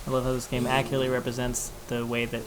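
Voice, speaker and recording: A man in casual gameplay chat, giving quick, rambling explanations as a co-host. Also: mid-range voice, completely flat delivery, background noise. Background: game music.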